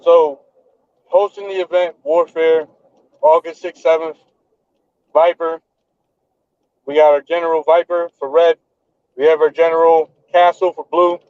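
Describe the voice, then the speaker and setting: Man in his thirties, podcast host, earnest, repeats himself, slightly high voice, dull dry call sound. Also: flat delivery, measured pace, long pauses, smooth, no room sound. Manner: earnest, repeats phrases while building a point. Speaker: podcast host and event organizer. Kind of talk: casual chat.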